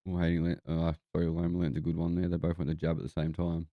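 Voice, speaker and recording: Low, creaky Kiwi bloke calling fights. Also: male voice, completely flat delivery, fast talker, dry recording, narrow, tinny audio. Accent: New Zealand. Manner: blokey, laid-back, sweary. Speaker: boxing watch-along podcast host. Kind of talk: casual live fight commentary.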